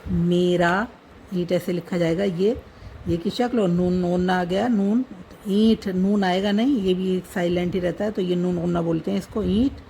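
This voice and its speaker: A woman teaching how to write words in a script, spelling out each letter slowly and repeating the words as she goes. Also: on the low side, steady tone, creaky, warm tone, a little hiss or hum, poor audio. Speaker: language teacher. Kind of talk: slow step-by-step writing lesson.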